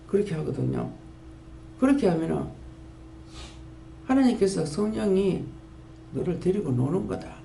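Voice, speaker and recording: A woman's voice: creaky, slight background noise. A woman in her fifties with a Gyeongsang accent, giving an earnest sermon testimony as pastor of a prayer house. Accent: Gyeongsang Korean. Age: 50s. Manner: earnest, storytelling, lively pitch swings. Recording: echoey room with faint ambience.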